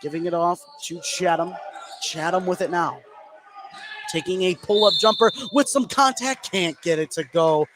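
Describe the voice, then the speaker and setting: Over the noisy ambience of a gym, an American radio commentator delivers live basketball play-by-play. His voice sits high and his pace is normal.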